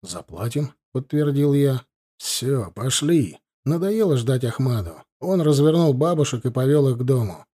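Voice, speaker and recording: A man narrating a first-person story as an audiobook, telling it in a lively way. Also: mid-range voice, normal speed, few pauses.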